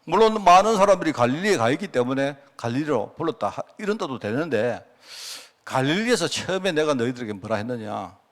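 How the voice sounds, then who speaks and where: A man's voice: mid-range voice, big pitch swings, fast. A middle-aged man with a Gyeongsang Korean accent preaching a conversational prayer-meeting sermon, telling stories with frequent asides to the congregation. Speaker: pastor.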